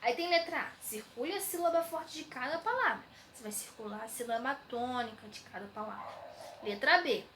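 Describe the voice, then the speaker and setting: A woman's voice: on the high side, animated, brisk, bright, forceful tone, slight background noise. A woman teacher, patiently explaining textbook exercises to young students, often saying "né". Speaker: schoolteacher. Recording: echoey room.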